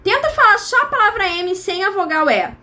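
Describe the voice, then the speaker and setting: A woman's voice: extremely high pitch, very animated, fairly quick, sharp tone. A Brazilian woman teacher giving an online grammar lesson in a chatty style, with asides and imagined student questions. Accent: Brazilian Portuguese.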